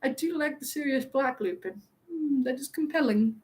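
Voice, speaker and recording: Vain young male wizard played by a woman, high voice, playful, teasing, mock-offended, live-stream role-play host. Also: normal speed, a little mellow, natural voice. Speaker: livestream host.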